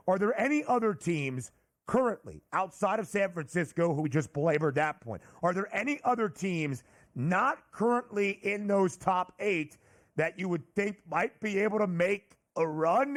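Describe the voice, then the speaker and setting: A high-voiced man hosts a sports betting talk, briskly reeling off odds and team records. He steers the chat and puts questions to his co-host. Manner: brisk, numbers-heavy analysis, leading the questions.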